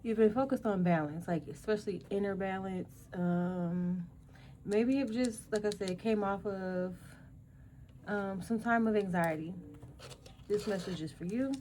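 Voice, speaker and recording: With a warm tone and medium pitch, a woman hosts a spiritual energy reading against slight background noise. Her delivery is halting, words listed one at a time amid pauses and fillers. She keeps clearing her throat because her voice is giving out.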